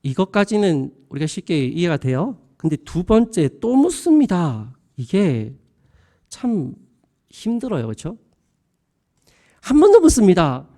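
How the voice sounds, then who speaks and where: A man's voice: high voice, huge pitch swings, unhurried, warm tone. A male pastor preaching a sermon in a colloquial style, peppering the congregation with rhetorical questions.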